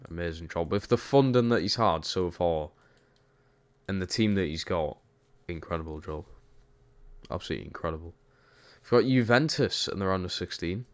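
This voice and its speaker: This young Geordie from Newcastle has a low, expressive voice and keeps a moderate pace. He chats casually over a football game on stream, responding to chat.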